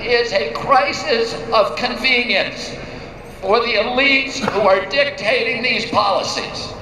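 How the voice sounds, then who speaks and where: A man giving a declamatory rally speech at an outdoor demonstration, speaking in short phrases with pauses for translation. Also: very high-pitched, noisy background. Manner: declamatory, pausing after each phrase for translation. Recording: echoey outdoor loudspeaker sound with reverb.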